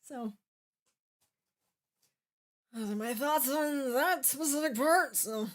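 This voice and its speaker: A woman giving casual, opinionated commentary as an anime reviewer, speaking haltingly with false starts and lots of fillers. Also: sits high, a bit bright.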